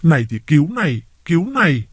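A man reading a story aloud, voicing an enraged jealous wife who hisses and shouts her accusations. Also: fairly high pitch, big pitch swings, fast, slightly rough, no room sound, pitched above the performer's own voice. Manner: hissing, enraged.

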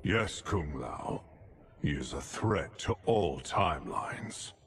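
An actor playing a stern, weary thunder god mentor in a video game, grave and stately. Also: male voice, rumbling low, sing-song, takes it slowly, gravelly, fairly bright tone, slight background noise, heavily acted. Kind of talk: video game cutscene acting.

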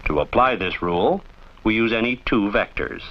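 A fairly low-voiced man reads scripted narration for a training film, sounding formal, measured and instructive yet animated. It plays like an old film soundtrack with dull audio.

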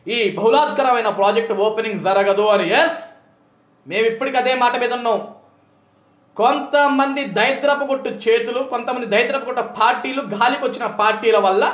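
A man with a strikingly high voice mocks and taunts an opponent in an angry political rebuttal. He stretches his jeering phrases out slowly. The recording carries a roomy echo. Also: a bit bright. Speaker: party supporter answering a politician.

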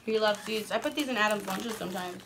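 A woman and mother vlogging a casual product review, chatty and excitable, laughing often. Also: mid-range voice, quick pace, slight background noise.

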